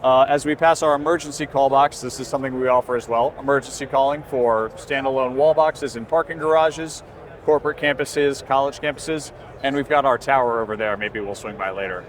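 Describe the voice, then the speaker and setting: This medium-pitched male presenter talks briskly during a casual, explanatory product demo at his company's busy indoor trade show booth. Constant show floor noise and hall ambience fill the background.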